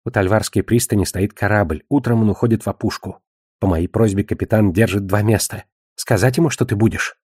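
A man's voice: fairly low pitch, a little fast, darkish tone, slightly rough, no echo, studio quality. A man reading an audiobook, voicing a worried young tavern keeper who talks raised and urgent. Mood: tense.

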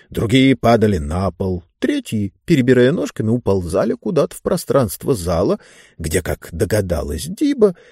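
A man reading a children's fantasy novel aloud as an audiobook, with very expressive storytelling. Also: mid-range voice, dry recording, studio quality. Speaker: narrator. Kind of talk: scripted audiobook narration.

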